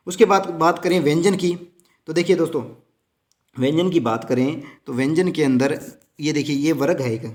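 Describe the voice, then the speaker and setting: Male teacher, slightly high pitch, lesson for exam prep, asks and answers his own questions. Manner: asks questions and answers them, addresses students as friends.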